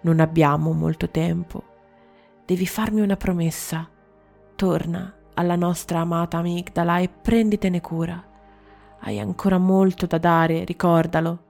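A woman voicing the loving spirit of a prince's wife in a storybook, speaking tenderly and gently. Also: on the low side, little pitch movement, measured pace, gravelly, faint music behind. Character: loving ghostly wife made of light.

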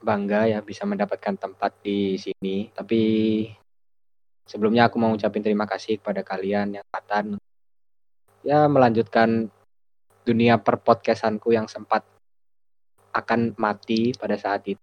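A man's voice: lowish voice, flat delivery, normal speed, pauses often. A man talking casually as a podcast co-host. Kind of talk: casual chat. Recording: dull, band-limited close recording.

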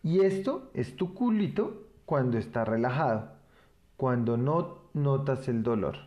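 A man voicing a wise, gentle female fairy in a children's story, patient and explaining. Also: medium pitch, lively intonation, measured pace, close to an everyday voice.

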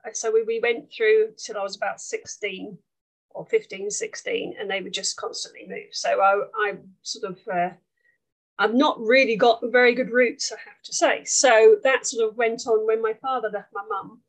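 A woman's voice: on the high side, steady tone, moderate pace, low-quality recording. A woman with an Essex accent from England, chatting about her life as an interview guest. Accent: Essex English. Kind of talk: conversational life story.

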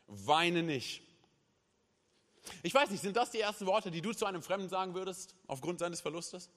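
A male pastor delivers an impassioned sermon in a high-pitched, fast voice, swinging between loud and hushed. He tags his sentences with "hey" and "oder?". The long reverb of a large hall surrounds him.

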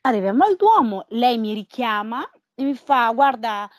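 Young woman, higher pitch, slangy casual chat, quoted dialogue acted out, dry recording. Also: sing-song, moderate pace, no room sound. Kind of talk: casual chat, group storytelling.

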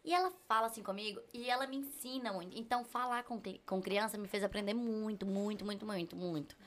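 A young woman, a podcast guest, chatting casually and telling animated stories, acting out the people she quotes. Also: mid-range voice, fast talker. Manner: animated storyteller, acts out quotes.

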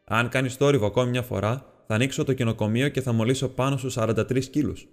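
A man voicing a gruff, lanky old man who keeps animals and speaks in a fussy, irritable way, in an audiobook reading. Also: mid-range voice, fairly even intonation, big-room sound, soft background music, lightly acted. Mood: angry. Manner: irritable, then fussy and welcoming.

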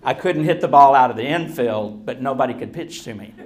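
A man preaching a sermon to a congregation in a folksy, joking, self-deprecating way, with deliberate, emphatic phrasing and pauses. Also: medium pitch, darkish tone.

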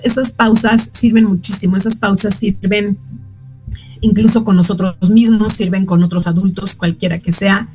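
A woman's voice: mid-range voice, a little mellow, low-quality recording. A woman with a Mexican Spanish accent hosting a radio talk show on parenting, speaking conversationally with frequent fillers and repeated words. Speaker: radio show host giving parenting advice. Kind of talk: casual talk on emotions.

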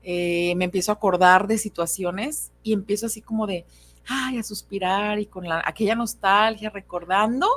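Chatty, expressive Mexican woman. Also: mid-range voice, normal speed. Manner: chatty, expressive, laughs easily. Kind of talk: casual radio chat.

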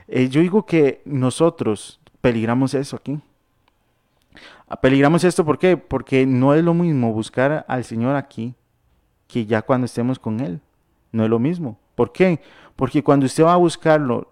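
A man's voice: mid-range voice, darkish tone, clean tone, dry recording, clean studio sound. A man talking about faith in a casual discussion, hesitant, with many fillers, restarts and rhetorical questions.

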